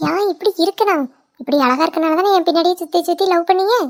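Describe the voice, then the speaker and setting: This cartoon role has a woman playing a chatty, playful young daughter-in-law from a village. She talks fast in a very high voice, sounding cheeky and teasing.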